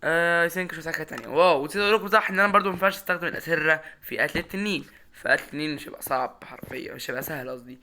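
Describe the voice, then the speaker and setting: A young man with an Egyptian Arabic accent commentating his own Minecraft run, excitable, talking straight to his viewers and repeating words in bursts. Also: on the high side, racing, hardly any pauses, slight background noise. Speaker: gaming YouTuber.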